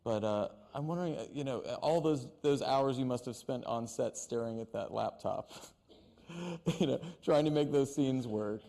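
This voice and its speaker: A male interviewer with a gravelly, mellow, mid-pitched voice asks his questions in a measured, hesitant way. His voice trails off into a long reverb. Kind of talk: press interview.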